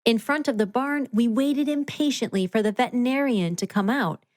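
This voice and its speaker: Reading from a script, a woman narrates a children's storybook in an expressive read-aloud style. Her voice is somewhat high, her pace moderate, and the sound dry with no echo.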